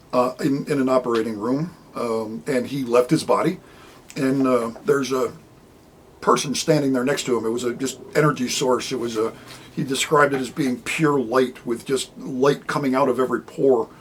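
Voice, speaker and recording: A man's voice: mid-range voice, moderate pace, slight background noise, low-quality recording. A man, an author, talking about his book in a casual, rambling monologue to camera and acting out the people he quotes.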